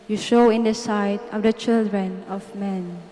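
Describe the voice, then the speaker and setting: A woman reading scripture and psalms at Mass in a measured, declamatory way, in a reverberant church. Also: mid-range voice, fairly even intonation, dark tone. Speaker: lector at Mass. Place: large church, over sound system. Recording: long echoing church reverb.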